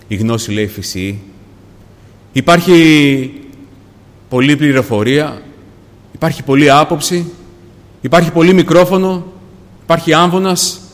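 A man preaching a sermon, swinging between loud urgent pleading and hushed passages. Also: fairly high pitch. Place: church. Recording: long reverb of a church hall.

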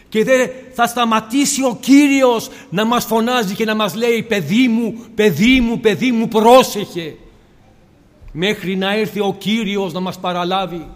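A man's voice: very high-pitched, a bit bright, big-room sound. A man preaching a sermon with impassioned rhetorical questions, addressing his listeners as brothers and sisters.

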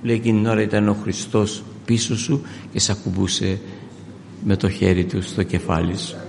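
A man preaching a sermon, moving from quiet storytelling to loud, fervent appeals. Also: on the low side, fairly even intonation, creaky, big-room sound.

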